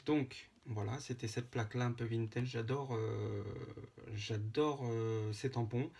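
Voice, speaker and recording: A man casually showing a handmade photo album, talking to viewers with many pauses and fillers. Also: mid-range voice, steady tone, a little mellow, breathy edge. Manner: hesitant, many fillers, chatty asides to viewers. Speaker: scrapbooking vlogger. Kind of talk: casual show-and-tell.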